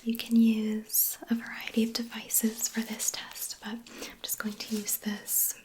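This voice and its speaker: Female, whispered ASMR role-play as a clinician: unhurried, hushed, gentle, reassuring, instructional. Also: on the high side, monotone. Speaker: medical examiner in a role-play.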